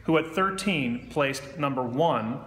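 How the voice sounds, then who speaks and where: A man's voice: mid-range voice, animated, slow pace, a bit bright, long reverb tail, slight background noise. A man hosting and narrating a studio practice show, delivering scripted lines with dry irony and a lecturing tone. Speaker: host.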